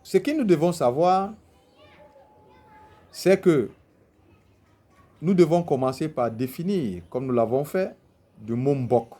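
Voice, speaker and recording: A man gives an unhurried lesson, taking his time over each point. His voice sits rather high but sounds soft and mellow. He keeps posing questions and then answering them himself, the way a patient teacher does. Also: expressive. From Cameroon. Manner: deliberate, poses rhetorical questions and answers them. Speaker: teacher of traditional spirituality. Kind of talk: explanatory teaching talk.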